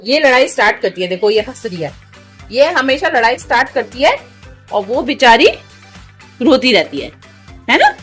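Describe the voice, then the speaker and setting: A woman's voice: a little high, big pitch swings, moderate pace, pauses often, fairly bright tone, slightly rough, faint music behind. A mother filming a home vlog, coaxing and scolding her small children with playful threats and chatting to the camera. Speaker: mother vlogging her day with three young children. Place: at home, indoors.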